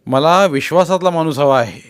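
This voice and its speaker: A man's voice: on the high side, a little fast, smooth, lightly acted. A man doing a shrewd village politician, coaxing. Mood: coaxing, persuasive. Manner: pressing, coaxing, teasing. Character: shrewd male village politician, middle-aged, persuasive.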